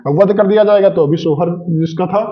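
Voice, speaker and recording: A man's voice: sits high, a little fast, muffled recording. A male coaching teacher lecturing his class, asking questions and answering them himself, repeating key points over and over. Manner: repetitive, asks and answers own questions. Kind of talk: classroom lecture with memory tricks.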